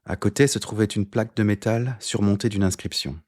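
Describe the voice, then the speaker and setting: Deep-voiced male audiobook narrator. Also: brisk, darkish tone. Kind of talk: first-person literary audiobook reading.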